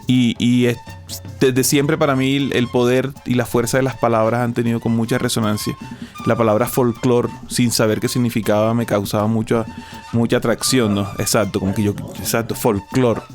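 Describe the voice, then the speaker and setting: Colombian guy chatting in an interview, lots of ehs and restarts, average pitch, faint music behind. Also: little pitch movement, moderate pace, a little mellow. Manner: hesitant, many fillers and restarts. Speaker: guest musician. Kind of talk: casual storytelling interview.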